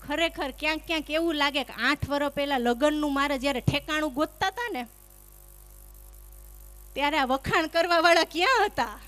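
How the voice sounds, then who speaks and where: A woman comedian tells stories on stage through a microphone, with a high-pitched voice. She has a chatty, teasing delivery, and faint music plays under her. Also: moderate pace, fairly bright tone. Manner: chatty, teasing, acts out dialogue. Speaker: stand-up comedian. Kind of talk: live stand-up storytelling. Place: stage before a live audience.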